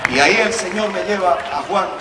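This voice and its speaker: A Venezuelan male preacher with a high-pitched voice, moving between quiet storytelling and fiery shouting. He sounds far from the microphone in a large, echoing hall. A loud crowd and heavy noise fill the background. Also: fairly quick. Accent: Venezuelan Spanish. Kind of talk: sermon.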